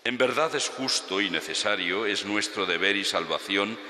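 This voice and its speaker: A man, a priest intoning the prayers of Mass in measured, solemn recitation, with a long cathedral echo around his voice. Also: lowish voice, bright, forceful tone. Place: large church. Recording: echoey church from a distance.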